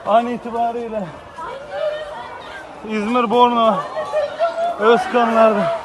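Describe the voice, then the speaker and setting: A man filming in the street and crying out in distress, with loud, halting exclamations. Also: very high-pitched, flat delivery, a little hiss or hum. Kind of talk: bystander filming a news event. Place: outdoors in a city street. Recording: echoey outdoor phone clip with crowd.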